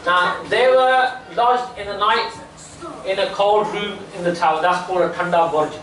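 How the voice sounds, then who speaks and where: High-pitched male teacher, distant and echoey. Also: normal speed, fairly bright tone. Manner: explanatory, checks in often with "right?" and "okay?". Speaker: children's religious camp teacher. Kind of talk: storytelling lesson to children. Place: small indoor classroom full of seated children. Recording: distant, echoey room, faint background noise.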